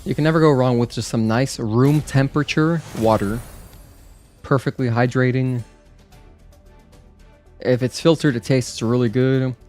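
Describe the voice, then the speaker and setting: Soft music plays behind a gaming livestreamer, a man whose first language is Spanish, as he chats with viewers casually and kindly during play, filling gaps with lots of fillers. He keeps a steady, slightly mellow tone at medium pitch, talking a little slowly with long pauses.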